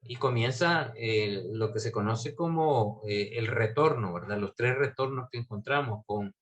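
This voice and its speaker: A man teaching a Bible class, talking in a halting way with many fillers and restarts. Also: fairly low pitch.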